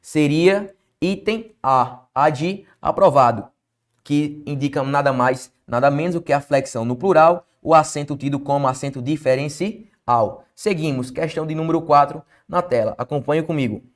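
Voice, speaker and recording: A man's voice: on the high side, normal speed. A man teaching a Brazilian Portuguese exam-prep lesson, emphatic, asking questions and answering them himself. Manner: emphatic, asks and answers his own questions.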